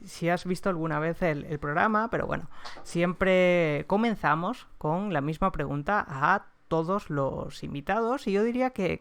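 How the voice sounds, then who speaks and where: Woman host, chatty and halting, fry in a smooth voice. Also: on the low side. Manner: chatty, many fillers and restarts. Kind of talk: casual interview chat.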